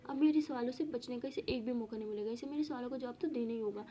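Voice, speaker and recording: A suspicious teenage schoolgirl plots in a low, hushed voice, as a woman storyteller puts her on. The tone is soft and mellow, fairly high, in a spoken story. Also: quick pace, natural voice. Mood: scheming.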